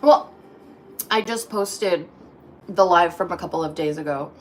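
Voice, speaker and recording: A woman in her thirties hosts a livestream from her home kitchen, chatting casually and greeting viewers by name. Her voice is fairly low and a little slow. The phone mic picks up a slight hiss or hum.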